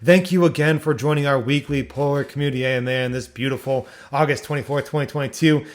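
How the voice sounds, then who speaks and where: A man's voice: mid-range voice, fairly even intonation, quick pace. A young man from Philadelphia with a Philly accent hosts a casual online community Q&A, rambling with restarts and fillers. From Philadelphia, Pennsylvania. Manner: rambling, repeats words, lots of fillers. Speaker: community AMA host. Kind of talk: casual community livestream talk.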